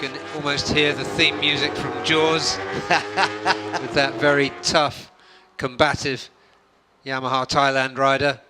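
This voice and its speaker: A man's voice: medium pitch, flat delivery, measured pace, long pauses. A man working as a motorsport co-commentator, giving conversational analysis during a live motorcycle race. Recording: loud engine and vehicle noise. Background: race engines and trackside ambience.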